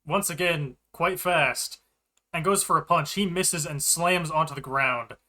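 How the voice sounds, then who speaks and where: A man narrating a tabletop game as game master, describing the action calmly and steadily. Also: on the high side, a little slow.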